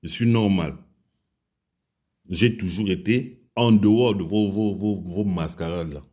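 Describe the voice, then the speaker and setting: A man's voice: sits low, unhurried, mellow. A man from Gabon with a Gabonese French accent, telling an angry, crude personal story and speaking out against the country's leaders. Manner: heated, crude, repetitive storytelling. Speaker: commentator.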